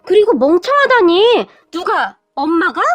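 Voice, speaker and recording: A woman's voice: very high voice, big pitch swings, a little slow, soft background music, full character voice. A woman voicing a confused middle-aged man who keeps asking questions. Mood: baffled. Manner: baffled questioning. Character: confused middle-aged husband, brother-in-law.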